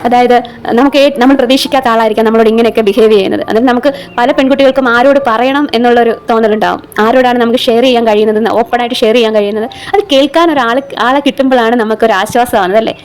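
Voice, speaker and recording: Fast-talking woman reading a story. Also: a little high. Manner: expressive reading, raises voice for dialogue. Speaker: storyteller and channel host. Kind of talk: reading a serialized story aloud.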